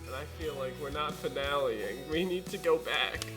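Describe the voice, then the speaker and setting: A man's voice: fairly high pitch, moderate pace, music in the background. A man who performs improv comedy, bantering casually and joking.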